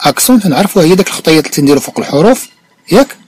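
A man with a Moroccan accent teaching a language lesson, reading each phrase slowly and then explaining it and checking that the listener understood. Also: fairly high pitch, big pitch swings, darkish tone, husky. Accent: Moroccan Arabic.

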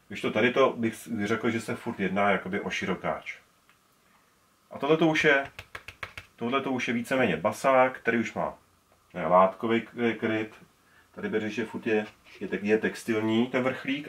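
A man in his forties, a collector of speakers, walks through his collection in a casual show-and-tell inside a room full of them. His voice is lowish, fairly bright and animated, and he rambles with lots of restarts while handling the equipment.

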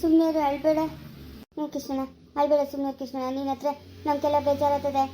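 A woman's voice: high voice, flat delivery, fast, warm tone, a little hiss or hum, lightly acted, rough recording. A woman playing a caring village aunt who soothes and scolds, repeating warnings, in an amateur family drama.

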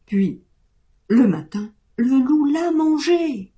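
A woman voicing a worried, kindly old male goat farmer who pleads and exclaims loudly. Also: high voice, animated, slow pace, voice pushed up. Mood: alarmed.

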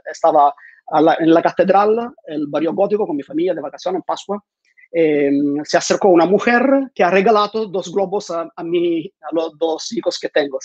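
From a room at home, a man gives an online conference talk over a video call, using a lapel mic. His voice is fairly high-pitched and darkish with a breathy edge, at normal speed, and the recording sounds dull and dry. He uses many fillers and repeats words.

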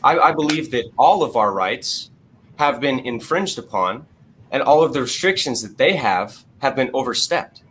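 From a small room at home, a man in his thirties joins a video call as a guest and argues insistently through a headset in a heated debate. His medium-pitched voice is animated, moderately paced, and slightly bright, with a bit of hiss or hum, and he stumbles into restarts and repeats phrases.

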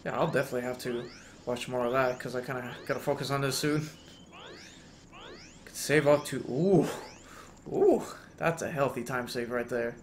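A man streaming a speedrun, greeting viewers by name and reacting with sudden excited outbursts. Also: mid-range voice, normal speed, pauses often, slight background noise. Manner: greets and answers chat, bursts into excited exclamations. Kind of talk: casual live-stream chat while gaming.

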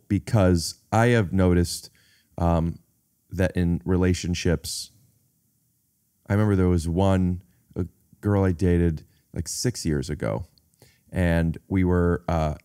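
A man in his thirties hosting a podcast, talking in a rambling, playful way with halting pauses. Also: low voice, mellow, smooth. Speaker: podcast host. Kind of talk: casual podcast conversation. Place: living-room podcast set. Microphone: studio mic on boom arm, headphones.

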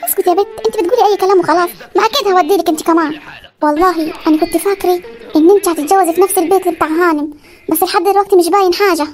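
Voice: very high-pitched, fairly even intonation. An actor voicing a bossy, scolding Upper Egyptian village mother in a comedy cartoon, with an Upper Egyptian accent. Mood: insistent. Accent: Upper Egyptian Arabic. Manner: scolding, ordering, quick threats.

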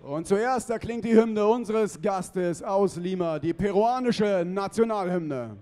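A man announcing fighters at a boxing arena, stretching out the names in drawn-out shouts. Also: a crowd in the background. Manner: booming, drawn-out name calls. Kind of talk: ring announcement.

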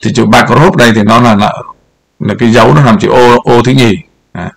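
Gravelly-voiced older man, rambling. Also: medium pitch, a little fast. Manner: rambling, repeats words, points at the map. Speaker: political commentary host. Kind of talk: casual commentary over a map.

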